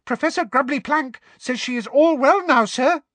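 A man voicing a small, eager and humble male house elf with a squeaky voice, in a storybook reading. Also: normal speed, a bit bright, no room sound. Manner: eager, humble, speaks of himself in third person.

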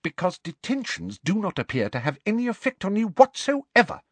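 A man voicing a stern older female professor in an audiobook, with a sharp, clipped, scolding manner. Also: mid-range voice, big pitch swings, normal speed, slightly rough, no room sound, pitched above the performer's own voice. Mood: tart scolding. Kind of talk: audiobook character voice.

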